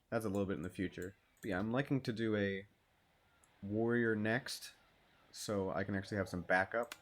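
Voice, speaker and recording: A man hosting his own gaming channel, giving laid-back, self-deprecating gameplay commentary and swearing freely as he plays. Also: on the low side.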